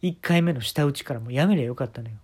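A man's voice: mid-range voice, rapid-fire, a little mellow, husky. Kansai man, casual comic storyteller, dry and exasperated, phone-mic podcast. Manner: exasperated, wry complaining. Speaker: podcast host.

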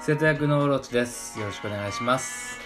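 A woman co-hosting a casual comedy podcast in the student role, laughing easily and talking in a loose, rough way. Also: rumbling low, brisk, music in the background. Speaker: podcast co-host playing student.

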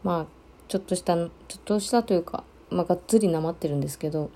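A woman from Okinawa hosting a solo podcast, chatting casually with many fillers and pauses. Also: fairly low pitch, mellow. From Okinawa, Japan. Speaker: podcast host.

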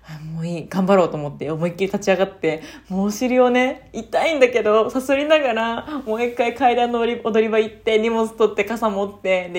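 A young adult woman telling a personal mishap story alone in a casual monologue, acting out sounds as she goes. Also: mid-range voice. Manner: animated, sound-effect-laden retelling. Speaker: solo radio talker.

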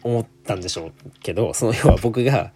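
A man's voice: lowish voice, fast, over music. A young man, telling a work story in a chatty solo monologue full of asides. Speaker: solo podcaster. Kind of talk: casual monologue.

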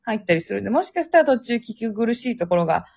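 A woman's voice: on the high side, big pitch swings, rapid-fire, creaky, a little mellow. A young woman with a Kansai accent, chatting casually on a podcast and telling a spooky story, laughing often. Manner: chatty, laughs often, acts out phone voices. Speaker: podcast co-host. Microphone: app recording over phone. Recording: dull lo-fi app recording.

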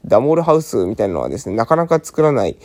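A man hosting a solo morning talk show, hoarse from just having woken up, speaking politely with many hesitant fillers. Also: mid-range voice, big pitch swings, racing, a little mellow. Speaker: podcast host.

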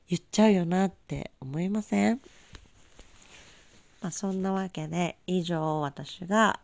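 A woman hosting a podcast, telling a story in a casual, animated and exasperated way, full of rhetorical asides. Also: medium pitch, gravelly, dry recording. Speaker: podcast host. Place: abroad in Southeast Asia.

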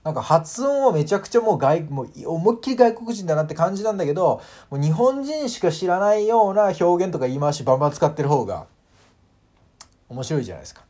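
A man hosting a casual solo audio talk, animated and full of fillers, acting out sounds as he explains. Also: a little high, fast. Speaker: podcast host.

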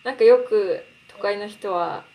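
A woman's voice: mid-range voice, a little slow, dull audio, heavy background noise. A woman from Akita, Japan, hosting a casual chat in an easy, conversational way. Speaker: podcast host who teaches Akita dialect.

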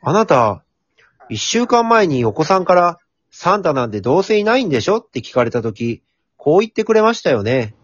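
Man acting a high-voiced, jolly Santa. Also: big pitch swings, brisk, husky, no echo, highs cut off. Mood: earnest, gentle. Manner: polite, theatrical, playful. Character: jolly, earnest, slightly shady Santa Claus. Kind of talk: amateur comedy radio drama acting.

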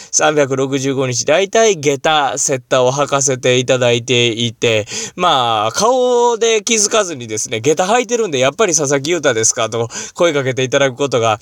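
A man's voice: on the high side, no echo, clean studio sound. A man from the Kansai region with a Kansai accent, hosting a solo talk show and telling a personal story in polite, formal phrasing dotted with casual dialect. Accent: Kansai Japanese. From Kansai region of Japan. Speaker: podcast host.

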